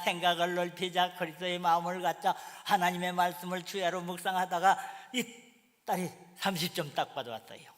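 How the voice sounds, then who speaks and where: A man, a pastor, preaching a sermon in an animated, colloquial storytelling way, acting out little scenes. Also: high voice. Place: church sanctuary. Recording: reverberant church hall.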